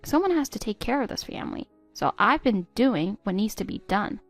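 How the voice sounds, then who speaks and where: A woman voicing a patient, hurt middle-aged stepmother who pleads gently with her stepdaughter. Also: mid-range voice, expressive, fairly quick, soft background music, close to an everyday voice. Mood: pleading. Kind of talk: text-story voice acting.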